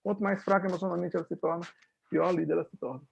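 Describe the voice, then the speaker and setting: A man's voice: high-pitched, fairly even intonation, very fast, vocal fry, breathy edge, dull audio. A man with a Brazilian Portuguese accent giving a conversational online lecture to medical students, explaining with acted-out examples and questions to his listeners. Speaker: guest lecturer on leadership.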